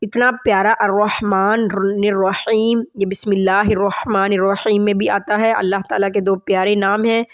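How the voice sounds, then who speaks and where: A woman teaching a tajweed lesson, patiently correcting mistakes step by step and reciting in a slow, drawn-out chant. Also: medium pitch, little pitch movement. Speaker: Quran teacher.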